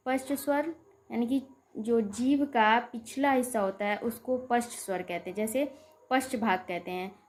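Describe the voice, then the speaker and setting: A woman's voice: fairly high pitch, a little mellow. A woman teaching a grammar lesson for exam students, explaining step by step, repeating terms and drawing out vowel sounds. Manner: asks rhetorical questions to the class.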